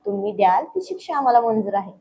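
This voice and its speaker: A woman's voice: mid-range voice, very animated, fast, warm tone, highs cut off, a little hiss or hum, natural voice. A woman voicing a mischievous young wife in a spoken story, coaxing and teasing her husband.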